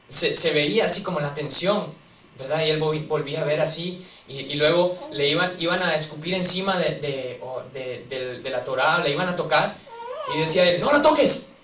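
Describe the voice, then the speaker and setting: Storytelling preacher heard from across a roomy church. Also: male voice, fairly high pitch, sharp tone, slight background noise. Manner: conversational storytelling, acting out quotes, asking the congregation questions. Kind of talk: sermon. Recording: distant mic in a reverberant church, faint ambience.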